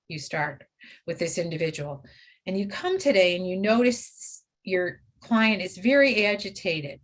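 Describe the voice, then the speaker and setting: Woman, caregiver trainer, webinar lecture, instructive, steady lists of do's and don'ts. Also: mid-range voice.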